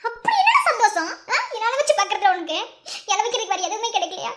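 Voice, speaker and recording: A woman voicing squeaky, teary young cartoon sweetheart. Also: a little fast, slight background noise. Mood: hurt scolding. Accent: Madurai Tamil. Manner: teary, scolding, sulky. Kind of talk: animated cartoon dialogue.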